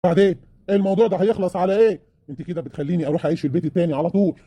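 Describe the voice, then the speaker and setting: A man's voice: high-pitched, fairly even intonation, rapid-fire, mellow, no echo. A man with an Egyptian accent playing a remorseful, self-pitying husband in an audio drama, pleading and wheedling. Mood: reproachful. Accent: Egyptian Arabic.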